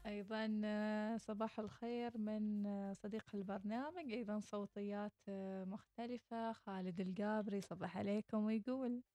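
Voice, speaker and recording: A female morning host speaks Omani Arabic in a casual, playful way. Her voice sits at an ordinary pitch, with faint music behind it. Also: steady tone, fairly quick, mellow. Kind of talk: casual radio chat.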